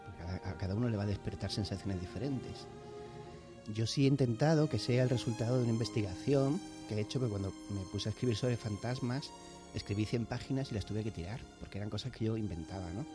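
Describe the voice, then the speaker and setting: A man's voice: on the low side, fast talker. A man, a novelist guest on a radio show, talking in a chatty, reflective way and laughing easily. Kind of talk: radio interview. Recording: soft music playing underneath.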